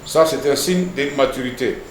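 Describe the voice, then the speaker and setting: Pastor teaching in an echoey room. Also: male voice, medium pitch, normal speed, slight background noise. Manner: didactic, repeats words and tags lines with "hein" and "n'est-ce pas".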